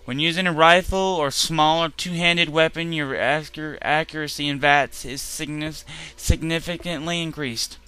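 A man commenting casually on his own game playthrough, swearing loudly at enemies and saying he is tired and irritated. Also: on the high side, fairly even intonation, normal speed, few pauses, smooth. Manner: profane, loud outbursts at enemies. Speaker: gaming channel host. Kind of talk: casual let's play commentary.

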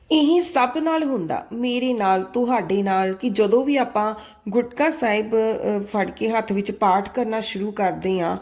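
A woman telling a devotional parable and teaching in a gentle, earnest, measured way. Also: fairly high pitch. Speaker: religious storyteller.

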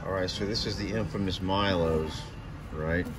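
A man's voice: low-pitched, steady tone, normal speed, loud music behind the voice. A man, chatting casually to his phone camera outdoors, rambling with fillers. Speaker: hiker vlogger. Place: outdoors in parking lots and streets. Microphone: phone at arm's length. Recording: noisy outdoor phone recording.

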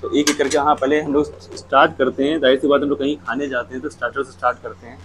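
This medium-pitched man talks quickly over slight background noise, and the audio is poor. He's a Lucknow-accented food vlogger in his thirties, wearing a lapel mic and giving a relaxed, chatty review to camera as he tastes each dish at a restaurant table.

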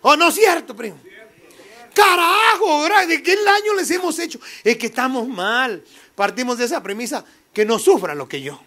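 A man's voice: extremely high pitch, expressive, normal speed, sharp tone. A man with a Mexican Spanish accent doing profane, rowdy stand-up comedy, laughing often and teasing the audience. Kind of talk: stand-up comedy with crowd work.

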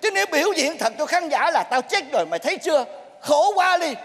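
A man's voice: very high-pitched, very animated, quick pace, a bit bright. A man playing a troupe master in a stage comedy sketch, scolding in an exasperated, theatrical way. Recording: stage recording with long hall reverb.

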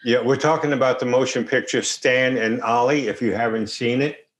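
A man's voice: mid-range voice, moderate pace. Guy in his 60s hosting from home over webcam, easygoing questions. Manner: relaxed, conversational questioning. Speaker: host. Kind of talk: video call interview. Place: home room, indoors. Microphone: video call, webcam.

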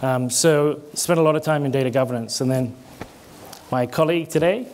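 On stage with a headset mic, a middle-aged British conference speaker whose accent carries an American twang presents in a conversational style, gesturing while he explains and restarting words. His medium-pitched voice is fairly quick and a little mellow, with slight hiss or hum.

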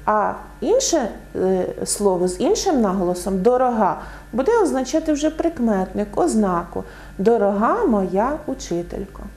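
A woman explaining word meanings in a clear, didactic lesson, giving many examples. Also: fairly high pitch, very animated, moderate pace, hardly any pauses, darkish tone. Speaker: language teacher.

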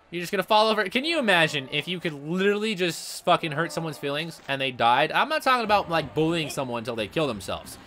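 Loud, cursing young man gaming. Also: sits high. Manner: loud, profane, excitable, yells at the game. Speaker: gaming channel host. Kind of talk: let's play commentary.

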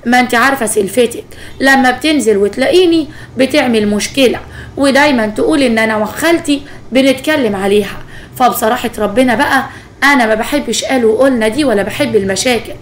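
A woman's voice: on the high side, fast, slight background noise, natural voice. A woman voicing a chatty, gossipy young neighbor with an Egyptian Arabic accent, in a spoken story.

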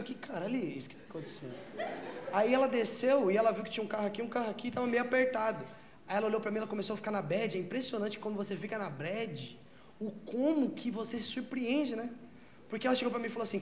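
A young man doing a stand-up comedy set, slangy and profane, bursting into shouts. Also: very high-pitched, slight background noise. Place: comedy stage before a live audience. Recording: roomy live club with crowd laughter.

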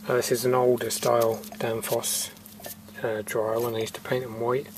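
Recorded very noisily on a camera mic outdoors in a yard, a refrigeration technician talks through what he's showing at a moderate pace. His mid-range voice is flat, and he thinks aloud casually and matter-of-factly, with fillers.

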